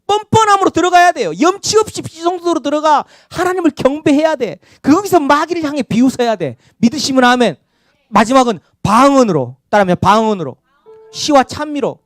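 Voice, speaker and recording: This is a very high-pitched man preaching a Sunday sermon in a church sanctuary. He is animated, drawing call-and-response amens and getting the congregation to echo his words, and the recording is dry and studio-clean.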